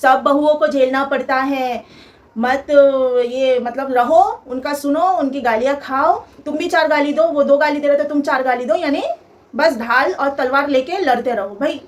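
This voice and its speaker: A woman's voice: high-pitched, normal speed, slight background noise. A young woman vlogger telling a personal story in an emphatic, aggrieved way, piling up lists of complaints.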